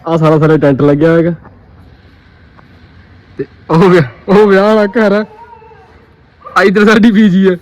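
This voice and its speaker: A man's voice: high voice, level tone, moderate pace, pauses often, darkish tone, a little hiss or hum, low-quality recording. A young man with a Punjabi accent in casual chat, questioning his friend insistently and repeating himself. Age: young adult.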